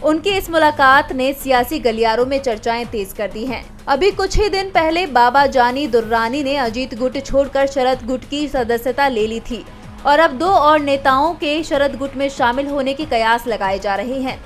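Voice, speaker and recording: A woman's voice: high voice, moderate pace, soft background music. A woman reporter reading a scripted voice-over for a breaking news report.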